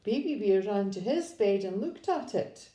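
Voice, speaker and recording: A woman reading a children's story aloud in a gentle, expressive storybook manner. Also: mid-range voice, moderate pace. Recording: echoey room.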